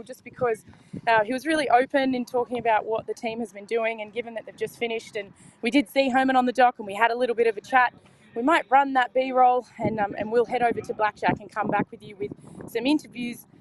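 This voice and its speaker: A woman's voice: fairly high pitch, steady tone, quick pace, a little hiss or hum, low-quality recording. Chatty woman reporting live from a dock. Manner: enthusiastic, chatty. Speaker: sailing reporter and host. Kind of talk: live dockside interviews and commentary. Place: outdoors on a marina dock.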